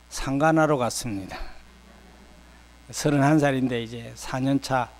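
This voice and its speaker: An older South Korean man delivers a sermon woven with personal anecdotes. His voice is mid-range, and he speaks conversationally in short, unhurried phrases.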